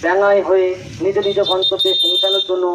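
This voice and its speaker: A man reading a formal police safety announcement through a loudspeaker, in a measured, repetitive delivery. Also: high-pitched, monotone. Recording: muffled loudspeaker recording, faint noise.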